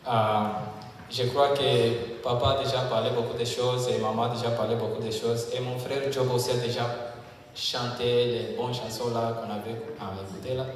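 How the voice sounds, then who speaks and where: A man giving an informal public speech, pausing haltingly for an interpreter. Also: mid-range voice, flat delivery. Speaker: guest speaker sharing personal story. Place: large echoey hall at a public gathering. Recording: echoey hall, distant mic, noisy.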